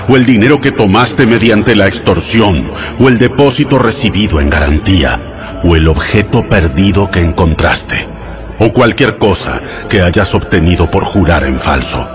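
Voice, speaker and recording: A man with a deep voice performs the role of God in an audio Bible drama, giving laws with solemn command and careful, instructive pacing. There is music behind him.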